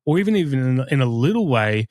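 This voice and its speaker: With a mid-range, very animated and slightly mellow voice, a podcast co-host speaks earnestly and candidly. His talk is confessional and halting, full of restarts. The studio-quality recording has no echo.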